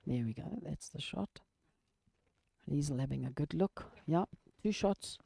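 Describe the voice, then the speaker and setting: Mellow low-voiced woman, golf-style commentary. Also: animated, vocal fry, breathy edge, no room sound. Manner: measured golf-style commentary, describing each shot in short phrases. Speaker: lawn bowls commentator. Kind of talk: live sports commentary.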